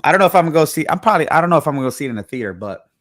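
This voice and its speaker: A man's voice: fairly high pitch, very animated, racing, dry recording, studio quality. A man hosting a casual live-stream chat, upbeat, greeting guests and reading comments over a video call. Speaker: host.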